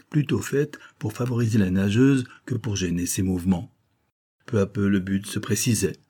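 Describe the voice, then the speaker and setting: A man reading a novel aloud in measured storytelling narration. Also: fairly low pitch, mellow. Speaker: audiobook narrator. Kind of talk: scripted narration.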